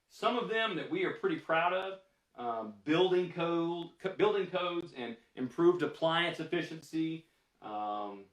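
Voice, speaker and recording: A man's voice: fairly high pitch, a bit bright. A man answering audience questions after a lecture, candid and conversational, thinking aloud with fillers. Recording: roomy, mic some distance away.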